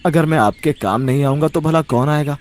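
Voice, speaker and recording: A man's voice: a little high, a little fast, a little hiss or hum, close to an everyday voice. A man voicing a meek, kind-hearted young farmer in a cartoon story, timid and hesitant. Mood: tired, meek. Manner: timid, soft-spoken, hesitant. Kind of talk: cartoon voice acting.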